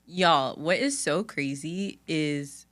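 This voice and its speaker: A woman's voice: deep voice, slow pace. A woman co-hosting a podcast who chats casually and teases her co-host. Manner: expressive, teasing. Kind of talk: casual chat.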